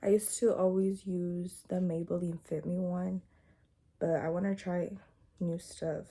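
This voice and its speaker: A young woman chatting casually through a makeup tutorial at home, talking softly and sometimes in a whisper, with a groggy morning voice. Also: fairly low pitch, steady tone, a little slow, slight background noise. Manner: soft, hushed talk, sometimes slipping into a whisper. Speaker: beauty vlogger. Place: home, indoors. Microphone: phone front camera.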